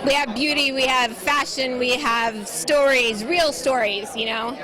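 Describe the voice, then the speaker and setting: High-voiced gushing woman interviewed at a gala. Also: unhurried, rough recording. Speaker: pageant titleholder and magazine editor. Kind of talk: casual red carpet interview. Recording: event crowd in large room.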